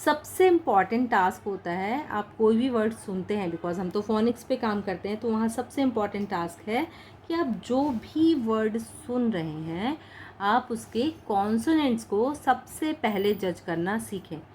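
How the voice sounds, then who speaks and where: A woman teaching a shorthand lesson in Hindi mixed with English words. She speaks patiently, slowly says each practice word and repeats it. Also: fairly high pitch, lively intonation, darkish tone, a little hiss or hum. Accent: Indian English words mixed into Hindi.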